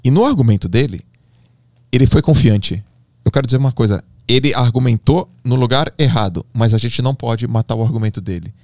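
A man's voice: mid-range voice, brisk, darkish tone, no room sound, studio quality. A man from Brazil with a Brazilian accent, a podcast guest telling emotional stories in a slangy, acting-out way. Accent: Brazilian Portuguese. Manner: emotional, acts out voices, slangy. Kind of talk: animated storytelling in conversation.

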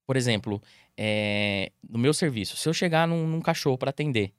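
A man from Brazil who works as a dog trainer, explaining as a podcast guest and acting out owners and dogs in quick voices. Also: mid-range voice, animated, clear, resonant tone, dry recording, studio quality. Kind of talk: casual interview talk.

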